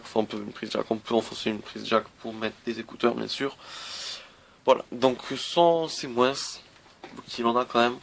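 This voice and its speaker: Man, gravelly voice, casual gadget review, halting, lots of fillers. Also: mid-range voice, a little hiss or hum. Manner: hesitant, many fillers and restarts. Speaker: tech reviewer.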